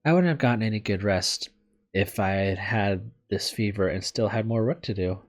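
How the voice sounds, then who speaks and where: Here a man with a fairly low voice performs the same kind of role at an ordinary pace, acting it only lightly: an ailing young schoolteacher, unsure of herself and sorry for herself. Music plays beneath this visual novel reading, and the mood is downcast and apologetic.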